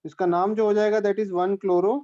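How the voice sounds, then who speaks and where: A man's voice: high voice, flat delivery, measured pace, warm tone, muffled recording. A man teaching an organic chemistry class, explaining step by step and checking in with questions to his students. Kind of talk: classroom lecture.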